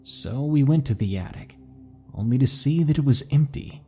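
A man narrating spooky stories in a slow, hushed, dramatic way. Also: mid-range voice, animated, husky, faint music behind. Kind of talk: scripted story narration.

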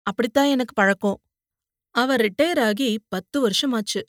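A woman reading a calm, thoughtful young man in an audiobook who talks plainly and softly, dropping English words in. The voice is fairly high and close, with no room sound. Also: normal speed, no room sound, close to an everyday voice. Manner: quiet, plain-spoken, mixes in English words.

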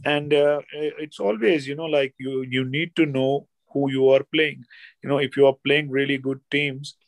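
A man with an Indian accent giving casual football analysis as a guest pundit, halting and repeating himself, often saying "you know". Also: medium pitch, fairly even intonation, vocal fry, no room sound. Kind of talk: casual sports analysis chat.

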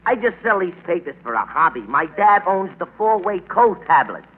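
A man's voice: high voice, big pitch swings, moderate pace. A man playing a cocky, slangy street newsboy who jokes and boasts in a 1940s radio play. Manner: slangy, mispronouncing, laughing. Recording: tinny old radio broadcast with faint hiss.

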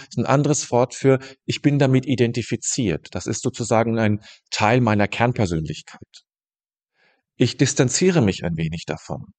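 A man teaching about meditation in a calm, thoughtful way, speaking directly to the listener and pausing to rephrase his ideas. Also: mid-range voice. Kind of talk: reflective spoken teaching monologue.

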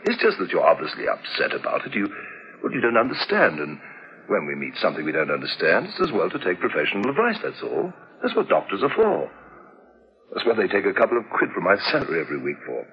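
An actor playing a young husband who talks in a brisk, teasing, reassuring way, in a 1960s radio drama. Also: male voice, deep voice, wildly swooping pitch, a little hiss or hum, exaggerated voice. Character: breezy, joking young husband. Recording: dull lo-fi 1960s radio recording.

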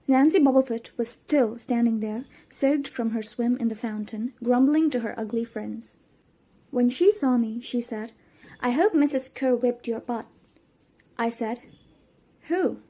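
A woman narrating a storybook in the first person, lively and expressive. Her voice sits somewhat high, and she shifts into the characters as she reads. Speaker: audiobook reader.

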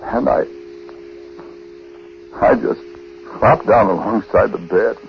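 An actor playing a troubled, uneasy husband who narrates in a hesitant, conversational way in a 1940s radio drama. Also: male voice, fairly low pitch, slow pace. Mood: subdued, remorseful. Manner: hesitant, conversational, breaking off and repeating words. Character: troubled husband, uneasy, recounting his own story. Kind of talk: 1940s radio acting, first-person confessional narration. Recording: muffled, noisy 1940s radio recording.

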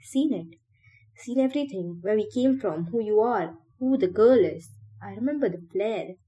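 A woman's voice: mid-range voice, animated, normal speed, warm tone, husky. A woman reading aloud, voicing a troubled, confused teenage boy in a strained, pleading tone. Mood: haunted.

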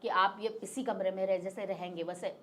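A woman's voice: medium pitch, steady tone, normal speed, a bit bright, a little hiss or hum. Middle-aged woman telling a story vividly. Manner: vivid, detailed retelling with acted-out quotes. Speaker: guest recounting a personal experience. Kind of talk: casual spoken storytelling.

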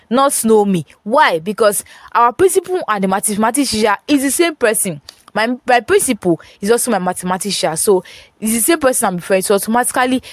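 Woman teaching grammar by voice note. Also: no room sound. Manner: repeats points, checks in with "Do you understand?"; rises in pitch when stressing contrasts. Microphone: phone voice note.

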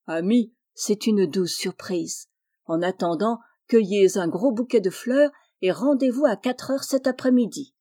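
A kindly father snail from a children's storybook, voiced by a woman reading aloud. He speaks gently and reassuringly, in a warm, mellow tone. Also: mid-range voice, a little slow, dry recording, clean studio sound, lightly acted. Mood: gentle.

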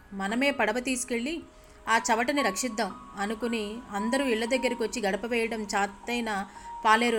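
A woman storyteller narrating a tale expressively and addressing her listeners politely. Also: on the high side.

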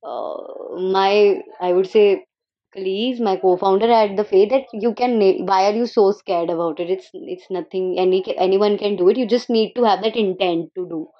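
A woman's voice: mid-range voice, moderate pace. Woman, twenties, North Indian accent, earnest, conversational, repeats for emphasis, English mixed with Hindi, dull lo-fi sound. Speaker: interview guest. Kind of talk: casual conversational interview answers.

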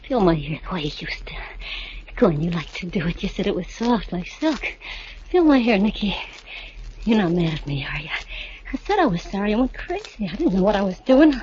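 A woman's voice: mid-range voice, very animated, a little fast, noisy background, close to an everyday voice. A woman playing a frightened pleading informer. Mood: coaxing. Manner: pleading, breathless and fearful. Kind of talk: 1940s radio acting. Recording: dull old radio broadcast recording.

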